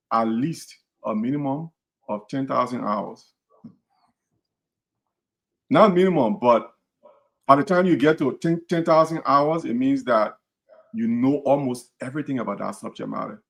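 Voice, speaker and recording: This podcast host is a man from Liberia whose medium-pitched voice has a slightly bright quality and a Liberian accent. His delivery is casual and earnest, full of repeated words and restarted phrases.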